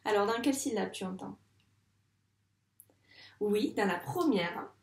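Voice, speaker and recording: A woman's voice: medium pitch, expressive, measured pace, roomy sound. A woman teacher giving a patient video lesson to a young child, stretching out words syllable by syllable. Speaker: primary school teacher.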